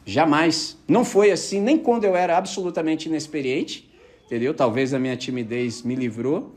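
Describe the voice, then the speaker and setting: A man's voice: fairly high pitch, normal speed. A man preaching a casual sermon, telling personal stories and checking with his listeners that they follow. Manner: animated storyteller, keeps asking the audience if they follow.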